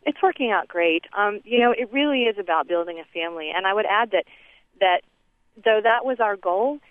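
A woman's voice: medium pitch, animated, brisk, dry recording. A woman calling in to a radio show over the phone, speaking earnestly with many ums and uhs. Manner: earnest, lots of um and uh fillers. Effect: phone line call into a radio show. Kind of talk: call-in talk on a radio show. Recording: tinny dry phone line.

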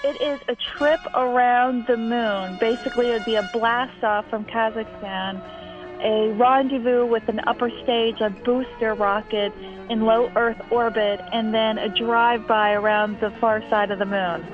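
A woman calling in as a company spokesperson over a crackly phone line with static, speaking from a car on a highway in a plain, good-humored way. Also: fairly even intonation, unhurried, soft background music. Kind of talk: casual radio phone interview.

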